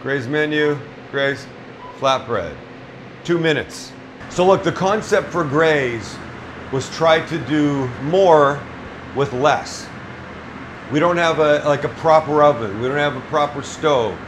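Over a noisy background, a middle-aged man with a voice on the high side takes his time talking. He's a chef and cooking show host doing a casual demonstration in a small restaurant kitchen, full of blunt jokes and free swearing.

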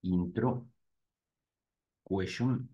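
A low-voiced man leads a live webinar for real estate agents. He speaks straight to his audience and narrates each click out loud as he works through the screens. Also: extremely slow, muffled recording. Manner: talks to "gente" directly while clicking through screens, thinking aloud. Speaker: real estate marketing instructor.

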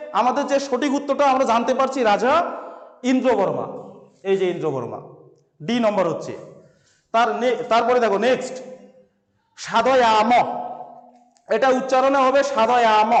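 High-voiced male teacher in an echoey room. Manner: asks rhetorical questions and repeats answers. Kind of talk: exam revision lesson. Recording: echoey room with long reverb.

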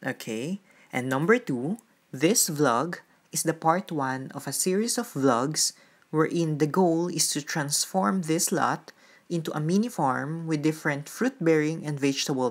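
A woman hosting a gardening vlog, narrating outdoors on a farm lot in a friendly, explanatory way. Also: deep voice. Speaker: gardening vlogger.

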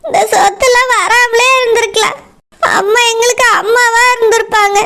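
A woman's voice: very high voice, steady tone, moderate pace, bright, forceful tone, full character voice. A woman voicing a tearful young woman who does not want to marry, crying and pleading as she talks, in a cartoon. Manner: pleading, sobbing. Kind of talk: cartoon voice acting.

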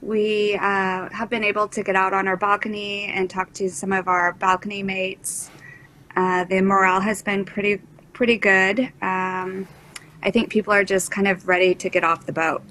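A middle-aged woman speaking on a video call from a cruise ship cabin, calm and hesitant, with many fillers. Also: medium pitch, moderate pace, slight background noise, rough recording.

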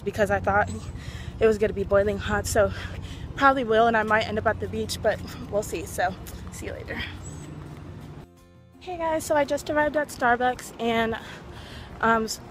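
A woman's voice: on the high side, steady tone, moderate pace, long pauses, background noise. A young woman talking casually to the camera in a vlog, chatty and rambling with fillers. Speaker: vlogger.

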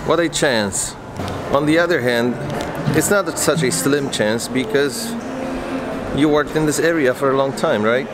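For his daily vlog, a man in his forties chats casually to the camera, explaining his project as he works and frequently restarting his sentences. His voice is mid-range and a touch slow. He's indoors in a garage workshop and storerooms, with heavy background noise.

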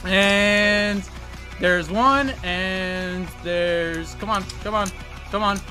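A young man giving excitable gameplay commentary, laughing often and trash-talking opponents. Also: high voice, very slow, music in the background. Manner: excitable trash-talk, frequent laughing, says bro constantly. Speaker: gaming video creator.

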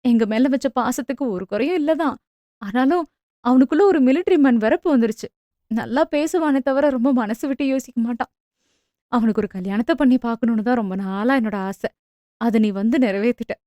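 A woman's voice: a little high, mellow, no room sound, highs cut off, lightly acted. A woman voicing an older loving mother who speaks heartfelt and emotional about her son.

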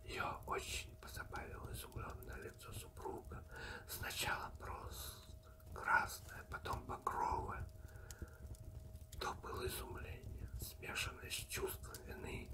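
A reader softly telling a story in a soothing, breathy, unvoiced ASMR whisper, slow and gentle. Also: distant mic. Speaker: audiobook reader and channel host.

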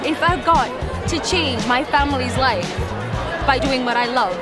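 Young woman from Zimbabwe, high soft voice. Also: lively intonation, measured pace, loud music behind the voice, a loud crowd. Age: young adult. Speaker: talent show contestant. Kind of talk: casual interview.

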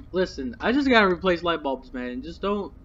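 A man's voice: fairly high pitch, sing-song, moderate pace, fairly bright tone. Scared, swearing man streaming a horror game. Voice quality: cracking voice. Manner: foul-mouthed. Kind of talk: live gameplay commentary, casual. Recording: dull lo-fi mic, faint game noise.

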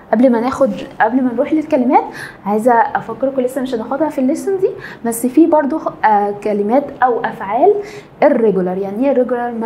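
A young Egyptian woman teaching an English grammar lesson, explaining patiently and repeating key words slowly. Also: on the high side, darkish tone, a little hiss or hum. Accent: Egyptian Arabic.

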